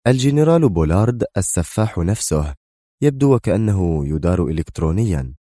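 A man narrating an audiobook thriller in a steady, measured reading. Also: low voice, dry recording, studio quality. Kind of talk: scripted narration.

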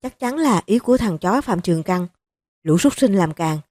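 Woman doing a blunt police chief, hot-tempered, forceful, mellow tone, dry close sound. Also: mid-range voice, lively intonation, normal speed, no room sound, natural voice. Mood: angry.

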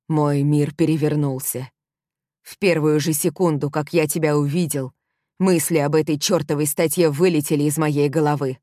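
A woman's voice: low-pitched, dark tone, no echo, clean studio sound, close to an everyday voice. A woman voicing a guilty pleading young man. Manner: urgent, pleading. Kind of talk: audiobook character reading.

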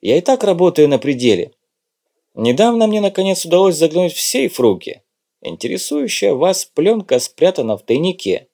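A man reading an audiobook, voicing a brisk, curt undercover agent. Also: high-pitched, very animated, creaky, dark tone, voice pushed up, full character voice. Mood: tense. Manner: brisk, clipped, occasionally snappish. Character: cool, curt male undercover agent in his prime.

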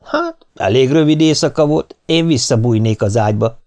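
A man's voice: mid-range voice, darkish tone, clean tone, voice pushed up, lightly acted. A man reading an audiobook, voicing a coarse middle-aged businessman with crude, drawling banter. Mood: leering.

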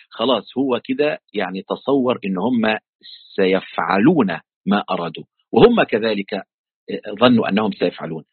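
In a lowish, husky voice, a man with an Egyptian Arabic accent explains a religious text during an online tafsir lesson, using colloquial speech and everyday examples. The recording is dry, and the computer call mic gives it a tinny sound.

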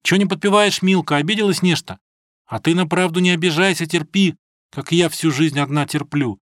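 A woman's voice: fairly low pitch, brisk, no echo, studio quality, lightly acted. A man voicing a drunk, scolding old village woman. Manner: scolding, tearful, rambling.

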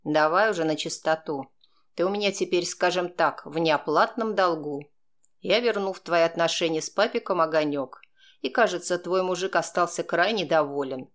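A woman voicing a calm, mocking, manipulative man who blackmails, speaking slowly in a cold, sneering way. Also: fairly low pitch, lightly acted. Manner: slow, sneering, coldly composed.

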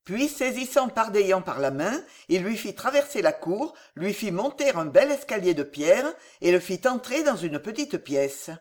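Expressive audiobook narrator. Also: medium pitch, moderate pace, hardly any pauses. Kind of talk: scripted narration of a historical novel.

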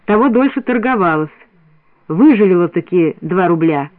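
A man narrating a story as a scripted radio reading in a steady storytelling manner. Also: high-pitched, normal speed, no echo. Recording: dry, narrow radio sound.

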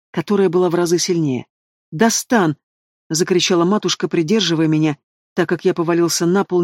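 A man reading a fantasy audiobook in the first person, expressive and dramatic. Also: on the high side, dry recording, studio quality. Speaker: audiobook narrator.

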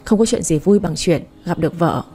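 A woman reading the part of a drunk young husband, speaking in a slow, drawn-out, whiny slur. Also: on the low side, warm tone, soft background music, natural voice. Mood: drunk tender. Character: drunk young husband, slurring, clingy and tender.

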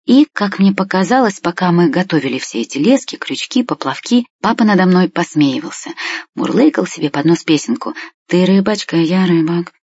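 A woman with a husky voice narrating a children's story in the first person as a boy, in a calm storytelling manner. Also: lowish voice, fairly quick, no echo. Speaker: audiobook reader. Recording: dry, slightly muffled lo-fi recording.

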